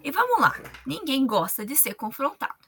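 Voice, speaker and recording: A woman with a Brazilian Portuguese accent speaks in a high, bright, forceful voice. She explains her points colloquially, in the manner of a conversational religious discussion. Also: sing-song, a little fast, a little hiss or hum.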